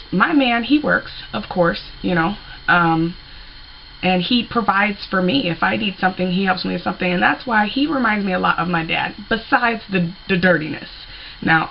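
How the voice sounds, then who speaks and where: A young woman in a casual vlog rant, blunt and animated, full of colloquial asides. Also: mid-range voice, dull audio, a little hiss or hum. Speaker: vlogger.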